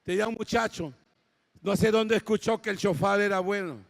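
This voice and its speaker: A man with a Mexican accent preaching a sermon, telling dramatic stories and rising to shouted exhortation. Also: high-pitched, normal speed, vocal fry. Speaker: pastor. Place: church auditorium. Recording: long church-hall reverb.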